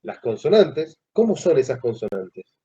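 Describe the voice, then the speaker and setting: A man teaches a class, his voice dark and a little husky. He checks in with the students through questions and leaves phrases hanging. The sound is dull and lo-fi, like a classroom recording. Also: mid-range voice, sing-song. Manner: asks the class questions, pauses mid-phrase. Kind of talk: classroom lecture.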